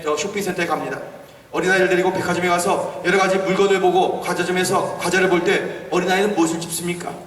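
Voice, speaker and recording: Older male pastor, passionate sermon delivery, echoey sanctuary sound. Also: high-pitched. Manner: fervent, rising to shouts, calls for amens. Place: church sanctuary. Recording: echoey hall, distant mic.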